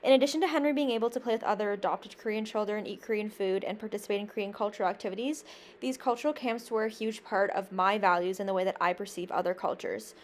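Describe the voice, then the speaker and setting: Speaking at a quick pace in a mid-range voice, a young adult woman from Canada delivers a prepared class presentation as a university student. Her reading is earnest and careful, with occasional small slips and restarts.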